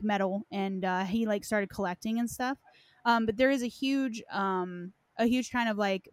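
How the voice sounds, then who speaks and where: A woman with a somewhat high voice hosts a casual discussion of game lore, talking loosely and conversationally with lots of hedging. There's no echo on the recording.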